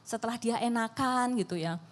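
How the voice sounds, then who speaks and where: A woman's voice: a little high, moderate pace, long reverb tail. A middle-aged woman speaking at a church family seminar, chatty and loose, with many fillers and restarts. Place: church hall.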